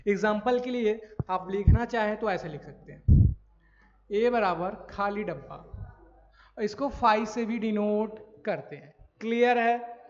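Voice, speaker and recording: A man's voice: sits high, measured pace. A man teaching maths in a recorded lecture, explaining step by step, asking questions and answering them himself, and often checking whether students follow. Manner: frequent checks for understanding. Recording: dull lo-fi audio in a reverberant room.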